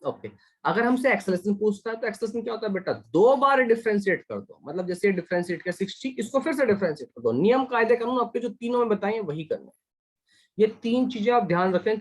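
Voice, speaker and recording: Male teacher, husky voice, coaxing tone, running an online lesson with quick questions to the class. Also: high voice. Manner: coaxing, quizzes students, asks for hands.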